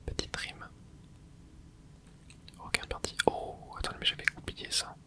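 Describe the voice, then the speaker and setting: Whispering through an ASMR let's play, the gaming creator never voices a sound, staying breathy the whole way. The relaxed, gentle commentary comes at a measured pace, made up of brief remarks and tiny interjections.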